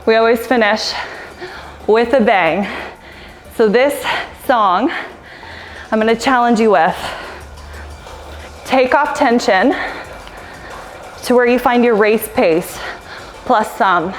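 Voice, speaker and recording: A woman's voice: fairly high pitch, slow, pauses often, low-quality recording. A woman spin instructor cycling hard as she coaches, urging the class on with short, punchy motivational cues. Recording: loud music behind the voice. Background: workout music.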